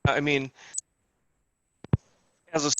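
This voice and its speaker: A man's voice: a little high, monotone, very slow, pushed and bright. A man answering questions as a state pharmacy official on a webinar, his voice broken up by a bad internet connection that keeps cutting in and out. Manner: broken-up, fragmented speech from dropouts. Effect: bad internet connection, audio cutting in and out. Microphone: video call.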